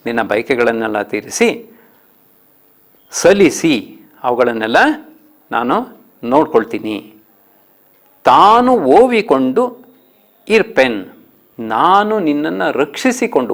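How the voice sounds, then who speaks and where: A man teaching an online lesson, reciting old verse lines slowly and then explaining them in plain everyday speech. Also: medium pitch, vocal fry. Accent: Kannada.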